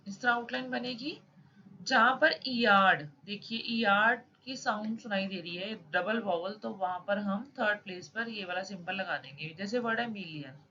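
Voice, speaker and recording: A woman teaching a lesson, reading rules slowly and then explaining them casually. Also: a little high, a bit bright. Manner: reads English rules slowly, then explains in mixed Hindi-English. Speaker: shorthand teacher. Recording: slightly dull with faint noise.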